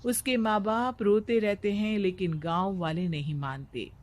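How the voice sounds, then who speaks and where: Female storybook narrator, mid pitch, steady and matter-of-fact. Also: a little slow.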